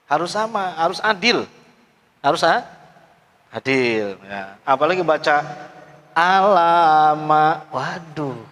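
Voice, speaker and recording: A man's voice: on the high side, lively intonation, unhurried, long pauses. Man teaching Quran recitation in an echoing hall. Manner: drills students call-and-response, coaxing them to read loudly. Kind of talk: classroom tajwid lesson. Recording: long hall reverb.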